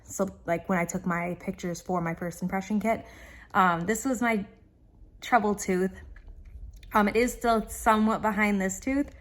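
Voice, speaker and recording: A woman's voice: mid-range voice, steady tone, normal speed. A woman vlogger chatting casually to viewers, with a slight lisp from wearing dental aligners like a retainer.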